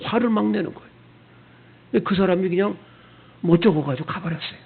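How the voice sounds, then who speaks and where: A middle-aged male pastor preaching a Sunday sermon in a church, telling stories and acting out what people said, swinging between loud outbursts and hushed asides. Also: high-pitched, moderate pace, creaky, husky, narrow, tinny audio. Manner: animated, acts out quoted voices, swings from loud to hushed. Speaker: senior pastor. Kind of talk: sermon with storytelling. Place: church sanctuary.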